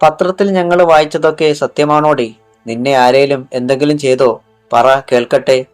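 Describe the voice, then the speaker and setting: A man's voice: mid-range voice, fairly even intonation, normal speed, smooth, faint music behind, lightly acted. Cold, scolding teacher in an audiobook; male narrator reads her. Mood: scornful. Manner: scolding, contemptuous. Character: harsh scornful woman schoolteacher, middle-aged.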